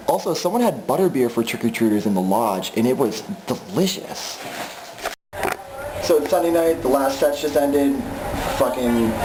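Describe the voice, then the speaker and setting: A man vlogging in casual chat with a hoarse voice, talking excitedly and swearing freely. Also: mid-range voice, noisy background. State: hoarse from screaming.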